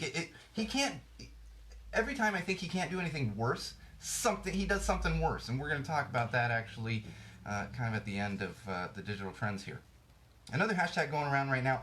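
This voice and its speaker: A podcast host with a medium-pitched, slightly bright voice rants bluntly about current events in political commentary. He restarts often, and his voice grows a little worn as he loses his temper.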